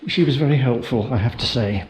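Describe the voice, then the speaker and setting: A man presents a travel vlog with dry, understated opinions. He talks casually at an average pitch, and noticeable noise, including vehicle sounds, runs behind his voice. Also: brisk, rough recording. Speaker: vlogger presenting a travel film.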